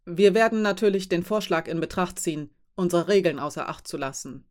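A woman reading an audiobook voices a huge, calm female ship captain who gives orders in a factual, firm tone. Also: on the low side, fairly quick, natural voice. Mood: calm, commanding. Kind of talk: audiobook character voice.

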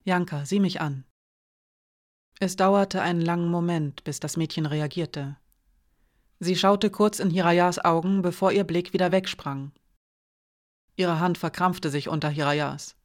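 Woman narrating a story, lowish voice, steady expressive reading. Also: measured pace. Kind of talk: audiobook narration.

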